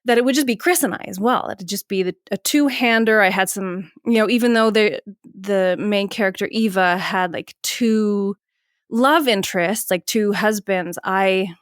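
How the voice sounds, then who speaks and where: A woman musician chatting as a podcast guest, rambling and animated, acting out her own past remarks. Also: medium pitch, normal speed, no echo, studio quality. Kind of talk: casual interview chat.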